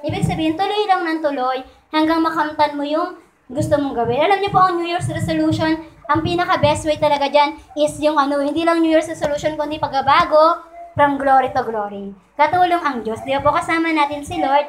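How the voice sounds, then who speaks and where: A woman's voice: high voice, fairly quick, roomy sound, a little hiss or hum, poor audio. A woman giving a sermon in mixed Tagalog and English, in a chatty manner that keeps asking her listeners to agree. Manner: conversational, asks "di ba po?" often. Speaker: church speaker. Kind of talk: Taglish sermon. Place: church.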